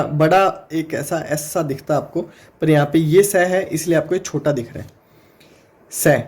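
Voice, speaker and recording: Indian man, exam-prep tutor, higher-pitched voice, patient step-by-step explainer. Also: a little mellow. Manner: explains step by step, sounds words out slowly. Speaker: teacher.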